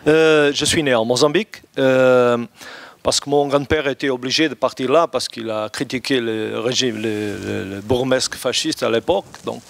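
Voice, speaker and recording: A Portuguese-born man with Portuguese as his first language, speaking hesitantly with many fillers as an audience member. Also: mid-range voice.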